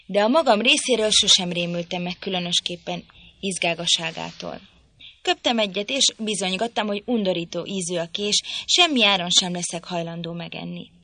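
Woman reading an audiobook, calm and measured, dry close studio mic. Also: fairly low pitch, no echo. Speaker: audiobook narrator. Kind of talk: scripted narration.

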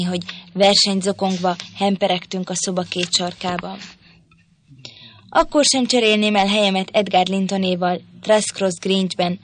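A woman's voice: medium pitch, lightly acted. Defiant teenage boy, scornful storyteller, read by a woman. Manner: scornful, boastful.

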